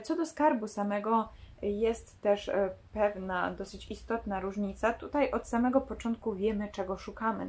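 A woman's voice: mid-range voice, a little mellow. A woman book vlogger talking casually about a novel and its screen adaptation, with frequent hesitations. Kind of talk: casual book-versus-film discussion.

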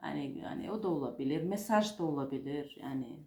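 A woman's voice: low-pitched, expressive, fast, a little mellow. A woman fortune teller giving an informal, unscripted card reading, explaining hesitantly and repeating herself as she goes. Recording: roomy, echoing home-style recording.

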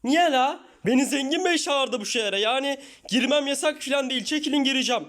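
A man's voice: very high-pitched, brisk, a bit bright. A man voicing an exasperated, short-tempered young newcomer in a Minecraft parody, grumbling and sighing at everyone in his way. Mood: fed up. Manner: grumbling, sighs "tövbe tövbe".

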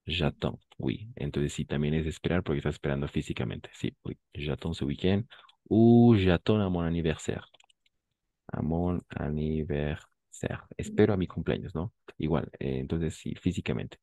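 A man with a low, dark voice teaches French, patiently explaining and moving back and forth between French and Spanish. He is recorded close up, with a dry sound and no room around him. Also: normal speed, no echo. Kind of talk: online language lesson.

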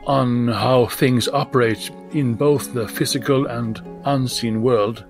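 A man from Sweden with a Swedish accent, calmly telling his own story in a recorded voice message. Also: medium pitch, slow, soft background music. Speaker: listener sharing a story.

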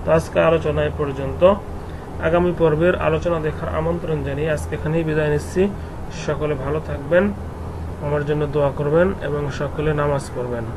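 A man leads a Quran reading lesson, breaking words into letters and vowel marks and blending them slowly. His voice sits a bit high and stays flat and even. A faint hum of air conditioning runs underneath. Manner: slow, syllable-by-syllable recitation drill.

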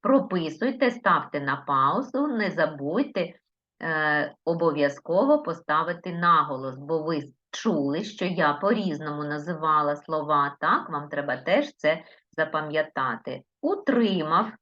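A woman's voice: sits low, a little slow, pushed and bright, dull audio. A woman teacher with a Ukrainian accent, giving a recorded lesson to young children, stretching words and coaxing answers with questions. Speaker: primary school teacher.

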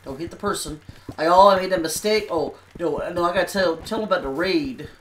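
A woman's voice: on the low side, a little fast, slight background noise. A middle-aged woman playing a game with her daughter, blunt and swearing freely in folksy everyday grammar. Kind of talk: casual gaming chat.

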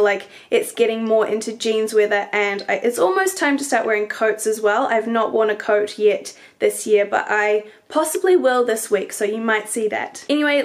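A New Zealand woman with a fairly high voice, a fashion vlogger and teacher, films a casual outfit vlog in the mirror of her bedroom using the camera's built-in mic. She's chatty, relaxed and upbeat, though hoarse and congested from a cold.

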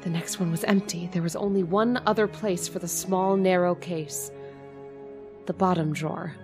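In a radio drama over music, an actress plays a frightened middle-aged landlady and mother who narrates her suspicions, nervous and stammering when flustered. Her lowish voice keeps a fairly even intonation at normal speed, lightly acted, with a tense mood.

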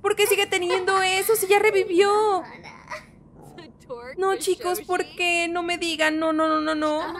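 A young woman giving casual commentary while playing a life simulation game, chatting to her viewers and reacting with squeals, gasps and sudden dips into soft, sad murmurs. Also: very high voice, little pitch movement, a little slow. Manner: emotional, exclaims and squeals often; talks to viewers as "chicos". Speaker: gaming youtuber.

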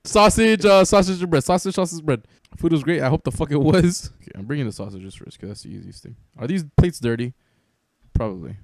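A young man playing a co-op cooking game, excitable and swearing, often bursting into panicked shouts and laughter. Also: fairly high pitch, a little fast, vocal fry, no echo, studio quality. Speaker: gamer playing co-op. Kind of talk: casual gameplay chat.

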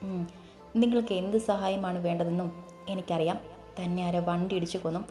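A woman's voice: on the low side, steady tone, brisk, mellow, close to an everyday voice. A woman voicing a comically frightened young heroine in a storybook reading, with pleading, rambling chatter. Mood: knowing. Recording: echoey room, faint music.

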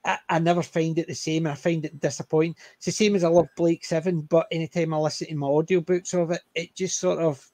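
A man's voice: fairly high pitch, flat delivery, quick pace, hardly any pauses, darkish tone, dry recording. Chatty man with a dry close sound. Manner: chatty, enthusiastic, trails off and restarts. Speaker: podcast co-host. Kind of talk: casual chat about TV shows.

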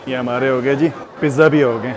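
A food vlogger in his thirties chats enthusiastically through a casual vlog, starting in a mall food court and moving on to a hotel room, mixing in English phrases as he goes. His voice is medium in pitch with fairly even intonation, he talks fast, and crowd noise can be heard.

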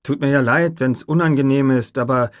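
A man's voice: a little fast, no room sound, lightly acted. Nervous lawyer, panicky and protesting, read by a male narrator, dull lo-fi sound. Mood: anxious. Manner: anxious, high-pitched protesting. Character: jittery, frightened male lawyer. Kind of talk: audiobook character voice.

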